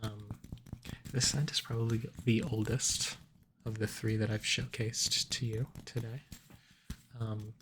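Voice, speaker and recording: A man in an ASMR role-play as a cologne salesman, giving measured, explanatory sales patter. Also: lowish voice, level tone, a bit bright, a little hiss or hum.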